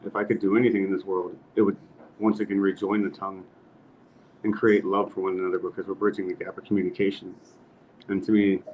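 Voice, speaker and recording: A man hosting a casual podcast chat, earnest and rambling, laughing at his own jokes. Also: on the low side. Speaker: podcast host. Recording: slightly muffled with faint noise.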